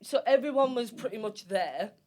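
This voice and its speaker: A woman's voice: on the high side, expressive, moderate pace, darkish tone. A woman co-hosting a podcast, talking in a rambling casual way with lots of fillers and some swearing. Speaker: podcast co-host. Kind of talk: casual chat.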